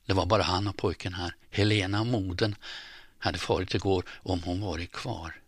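A man reading a story aloud in measured scripted narration, often dropping to a hushed near-whisper. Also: sits low, steady tone, breathy edge, no room sound, clean studio sound. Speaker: audiobook narrator.

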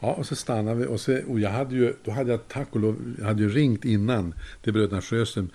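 A man's voice: medium pitch, fairly even intonation, mellow. An older man telling a casual anecdote, chuckling now and then and acting out the voices of the people he quotes. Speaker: storyteller.

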